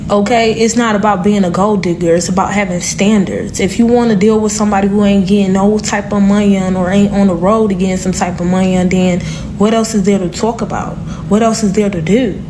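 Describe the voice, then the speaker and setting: A woman's voice: medium pitch, steady tone, brisk. Blunt lady going off, lots of okay?, noisy background. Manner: blunt, rhetorical, repeats "okay". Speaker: commenter in a stitched clip. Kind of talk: opinionated casual talk. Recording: clip with clear background noise.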